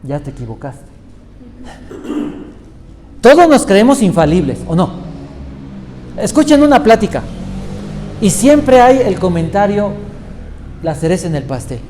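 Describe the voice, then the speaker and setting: Male pastor, mellow voice, lively sermon with questions, reverberant hall. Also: high voice, unhurried, pauses often. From Mexico. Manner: animated preaching, asks the congregation questions. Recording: reverberant hall with faint noise.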